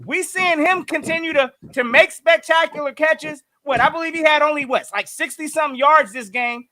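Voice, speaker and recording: A man's voice: extremely high pitch, moderate pace, pushed and bright, no room sound. A man co-hosting a casual sports podcast, breaking down the game in an emphatic, hyped way. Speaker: podcast co-host.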